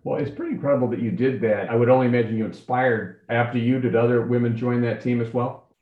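A man's voice: medium pitch, fairly even intonation, fast talker, echoey room, phone-quality sound. A man hosting an interview, encouraging and asking follow-up questions. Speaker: interview host. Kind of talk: conversational interview.

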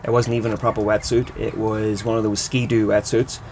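A man's voice: on the low side, level tone, a little fast, a little mellow. A man with an Irish accent chatting casually as an interview guest, recorded in the back of a van in a car park. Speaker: interview guest, triathlete and coach. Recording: background noise in a parked van.

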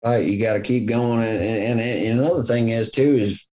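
A man's voice: medium pitch, steady tone, moderate pace, warm tone, faint music behind. A man with a Southern US accent chatting casually and telling stories in a folksy, earnest way, repeating himself for emphasis. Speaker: hunter in conversation. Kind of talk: casual conversation, storytelling.

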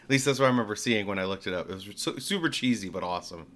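A man's voice: on the low side, lively intonation, rapid-fire, fairly bright tone. A man telling casual anecdotes as a podcast co-host.

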